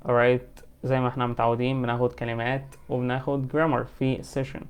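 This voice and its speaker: A man with an Egyptian Arabic accent teaching an English lesson, explaining in colloquial Arabic and reading English example sentences slowly and carefully. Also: mid-range voice, little pitch movement, smooth.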